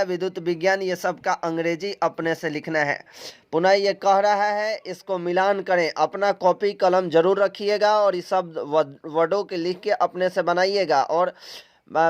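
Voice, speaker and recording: A man's voice: high-pitched, clear, resonant tone, highs cut off. A man from India, talking students through a recorded English vocabulary lesson step by step in a plain instructive tone. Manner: plain instructive tone, repeats steps, some filler sounds. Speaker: English teacher.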